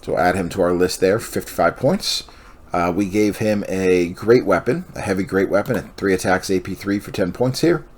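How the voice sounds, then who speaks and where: A man hosting a casual walkthrough of building a tabletop army list, rambling with many pauses and self-corrections, and sounding tired. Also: low-pitched, breathy edge. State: yawning, tired. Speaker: host.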